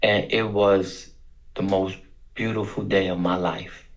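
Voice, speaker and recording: A middle-aged man from Brooklyn telling his own story in a reflective, deliberate way, repeating words for emphasis. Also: low-pitched, flat delivery, rough recording. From Brooklyn, New York.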